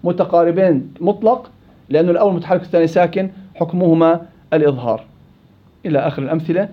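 A man leads a classroom tajweed lesson, firing quick questions at his students. His voice sits high and his words come fast. The recording is dull and lo-fi. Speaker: Quran recitation teacher.

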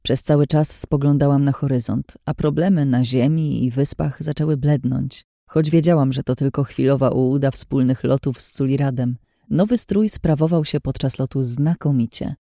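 A woman narrating a first-person fantasy audiobook in a measured, calm reading, on a close studio mic. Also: a bass voice, no room sound.

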